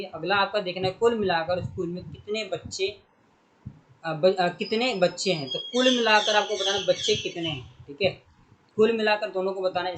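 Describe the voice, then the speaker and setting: Guy with a fairly high voice walking kids thru addition sums step by step. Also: fairly bright tone, rough recording. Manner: talks through sums step by step, addressing pupils directly. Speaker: math teacher. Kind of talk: spoken math lesson.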